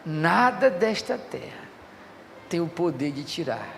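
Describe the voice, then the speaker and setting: A male pastor preaching a fervent sermon, swinging from hushed passages to loud declarations. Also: fairly high pitch, very animated, takes it slowly, gravelly, big-room sound, a little hiss or hum.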